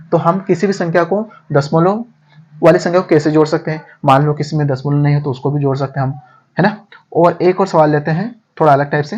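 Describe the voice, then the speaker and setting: A man's voice: fairly high pitch, darkish tone. A man teaching maths in a casual step-by-step lesson, calling viewers friends and asking rhetorical questions as he goes. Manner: addresses viewers as friends, repeats steps, asks rhetorical questions. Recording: dull lo-fi sound.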